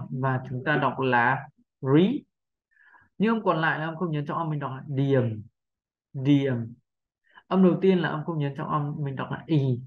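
A man teaching pronunciation, explaining step by step in a patient way and checking in with his listeners. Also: on the high side. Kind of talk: explaining lesson. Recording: dull lo-fi sound.

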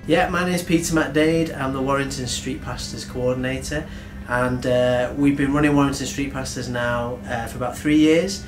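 A man's voice: medium pitch, fairly even intonation, normal speed, few pauses, echoey room, music in the background. A man who coordinates street pastors, explaining his work in a friendly way. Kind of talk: documentary interview. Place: storeroom, indoors.

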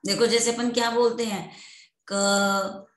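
A woman who teaches primary school gives an online lesson for young children, speaking slowly and patiently and repeating words so the kids can echo them back. Her voice sits at a mid pitch, and the room has a spacious echo.

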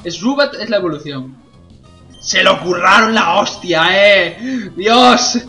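A young man cracks jokes and swears freely as he comments on his game. His voice sits high and bright and swings about a lot. Game music plays faintly behind him. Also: lively intonation, takes it slowly. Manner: jokey, swears a lot, laughs at own jokes. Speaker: gameplay commentator. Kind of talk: casual let's play commentary.

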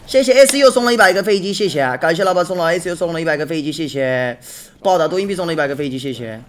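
A young man streaming live, chatting casually while watching a match and thanking viewers for gifts, repeating himself when excited. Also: fairly high pitch, racing. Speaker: game streamer.

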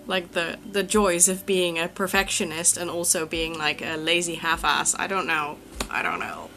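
A woman's voice: lowish voice, level tone, a little slow, music in the background. A woman in her thirties, an artist chatting casually in a vlog, reflective and self-deprecating as she thinks aloud. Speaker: artist vlogger.

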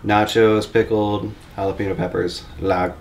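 A man's voice: on the low side, level tone, moderate pace. A man in his thirties hosting a casual cooking demonstration in a tipsy, rambling way, swearing freely. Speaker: cooking video host. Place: home kitchen, indoors. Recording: noisy kitchen with dish clatter.

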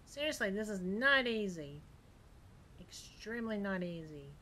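A woman hosting a let's play, giving excitable gameplay commentary with frustrated outbursts and laughter. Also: medium pitch, measured pace, a little hiss or hum. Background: faint game music.

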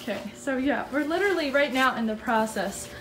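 High-voiced young woman rambling through a house tour. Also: animated, a little fast. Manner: rambling, giggly, self-deprecating. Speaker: vlogger giving a house tour. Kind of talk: casual house-tour narration. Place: cluttered home at night, handheld phone walkthrough. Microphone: phone camera held by the walker. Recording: noisy home recording.

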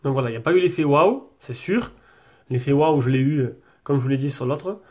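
Reviewing a phone from his indoor desk setup with a branded backdrop, a French-accented tech reviewer speaks nasally because of a head cold. His medium-pitched, darkish voice is fairly quick, chatty yet hesitant, and packed with fillers and restarts.

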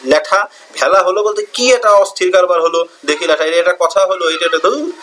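A man's voice: high voice, brisk, fairly bright tone, slight background noise. A man teaching a poem line by line. He reads each verse, then asks and answers his own questions to explain it.

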